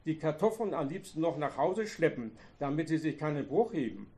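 A man voicing a retired old farmer who complains loudly and sarcastically about his grown children. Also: fairly high pitch, expressive, a little fast. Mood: bitter. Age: older. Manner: loud, reproachful, sarcastic.

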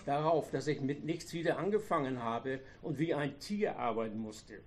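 A man voicing a retired old farmer who complains loudly and sarcastically about his grown children. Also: mid-range voice, normal speed, natural voice. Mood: reproachful. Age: older. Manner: loud, reproachful, sarcastic.

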